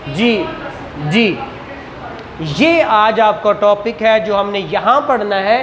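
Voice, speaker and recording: A man from Pakistan gives a law lecture in a room with a whiteboard, asking questions and answering them himself while mixing in English legal terms. His high-pitched voice is animated and fairly bright, at a slow pace. The recording has a roomy echo and faint background noise.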